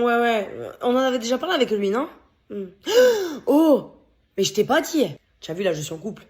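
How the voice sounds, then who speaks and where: A woman comedian doing a chatty, teasing monologue. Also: fairly high pitch.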